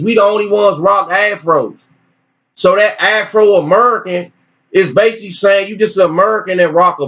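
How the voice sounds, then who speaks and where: A man teaching informally and reading articles aloud with his own commentary, in an animated, preachy way with repeated phrases. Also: high voice. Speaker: religious teacher. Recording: dull lo-fi recording.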